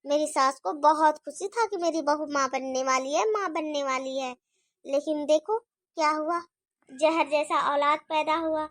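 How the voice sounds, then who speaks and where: Woman doing a fussy old mother-in-law, very high bright voice, dry mic, cartoon story. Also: a little slow, no room sound. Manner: fussy, scolding, chatty. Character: older mother-in-law, fond and worried.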